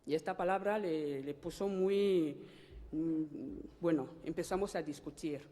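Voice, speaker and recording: A fervent woman whose first language is French gives a spoken church testimony, emotional and halting at times. Her voice is deep and warm, carried by a long hall reverb.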